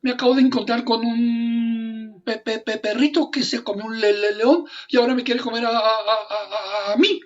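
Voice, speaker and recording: A man voicing a big, hungry male tiger in a told folk tale, speaking gruffly and quickly and stammering in fright. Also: on the high side, lively intonation, bright, forceful tone, highs cut off, heavily acted. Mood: stuttering.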